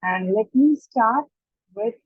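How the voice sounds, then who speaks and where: A woman teaching pronunciation in an online class. She repeats each word slowly and deliberately, mixing Hindi and as she explains. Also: a little high, expressive, husky, no room sound, lo-fi sound. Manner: slow, deliberate repetition of words to model pronunciation. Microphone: computer mic during a screen-shared online class.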